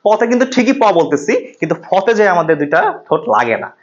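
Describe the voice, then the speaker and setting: A man from Bangladesh teaching pronunciation in a classroom, drilling sounds aloud with repetition and quick quiz questions. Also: high voice, animated. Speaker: pronunciation instructor. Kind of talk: classroom lesson. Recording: slightly muffled classroom recording.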